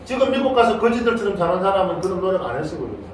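A man's voice: high voice, sing-song, racing, a little hiss or hum. An older man, a Buddhist monk, gives a playful Dharma lecture to a congregation and keeps prompting his listeners with questions. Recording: very echoey hall, voice far from the mic.

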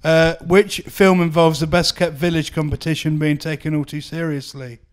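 Brief: male quizmaster, matter-of-fact delivery, slightly high, smooth. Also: level tone, moderate pace. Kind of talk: reading quiz questions.

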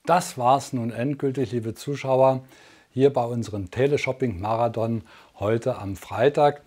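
Casting: man in his sixties, mid-pitched mellow voice, conversational infomercial host. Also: steady tone, unhurried, breathy edge. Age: 60s. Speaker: teleshopping host. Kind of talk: infomercial-style sales presentation, unscripted and chatty. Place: indoor studio, standing at a product table.

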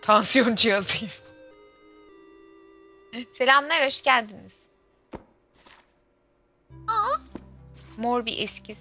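A woman's voice: a little high, big pitch swings, slow, pauses often, pushed and bright. A young woman in her twenties streaming a game, chatting casually and grumbling and exclaiming to herself as she plays. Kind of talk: casual gameplay livestream chat. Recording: dull lo-fi stream audio with faint game music.

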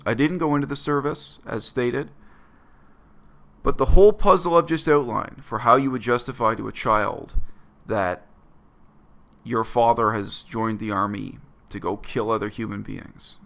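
A Canadian vlogger speaks earnestly and bluntly to his webcam from a small bedroom in a reflective personal monologue. His voice is medium-pitched and gravelly, with a fairly bright tone.

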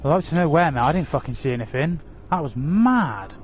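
Streaming a horror game, a man gets frustrated, cursing at the game and complaining to his audience in a slightly high, animated voice at a somewhat fast clip. Soft music plays behind him, and the lo-fi stream audio sounds dull, mixed with game sounds.

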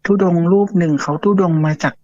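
A man voicing an excited village man who reports news to the village headman, in a raised, urgent voice. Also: a little high, fast, pitched above the performer's own voice, lightly acted. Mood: eager. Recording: dull lo-fi dry audio.

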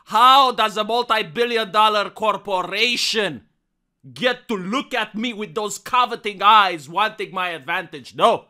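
A young adult man giving a satirical dramatic reading like a hammy stage actor, pompous and theatrical, swinging from hushed lines to loud declaiming. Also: high voice. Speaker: comedic narrator.

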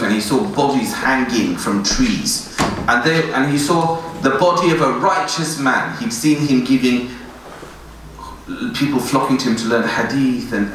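In his thirties, an imam delivers an earnest, pleading Friday sermon, pausing his explanations to recite Arabic verses. His medium-pitched, fairly bright voice comes through a stand mic near his mouth, yet sounds a bit distant in the echoey indoor prayer room with its woven screen backdrop. There's slight background noise.

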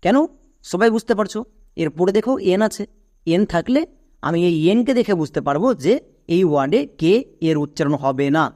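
A man's voice: sits high, lively intonation, brisk, a little mellow. A man teaching English pronunciation in a classroom-style lesson. He explains each rule step by step, repeats it, and asks the class questions as he goes.

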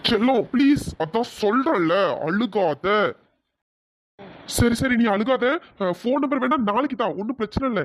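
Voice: mid-range voice, lively intonation, moderate pace, a little hiss or hum, natural voice. A voice performer playing a brash young man who boasts and pushes a girl for her phone number, with a bossy manner. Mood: pleading. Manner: bossy and threatening, then pleading. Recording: dull lo-fi voice track.

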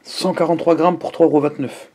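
A man with a fairly high voice talks straight to the camera in a casual home vlog. His delivery is chatty and animated, full of exclamations and side remarks to viewers. A faint hiss sits under the recording. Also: a little fast. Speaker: food reviewer YouTuber.

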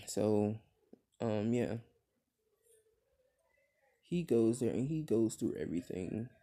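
Slow, dark-voiced young man rambling a story. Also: fairly low pitch, animated. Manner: rambling, many fillers and restarts. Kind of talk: improvised fan-fiction storytelling.

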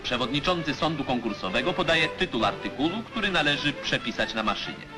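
Man, old newsreel narrator, declamatory and formal, music loud underneath. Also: fairly high pitch, big pitch swings, fairly quick.

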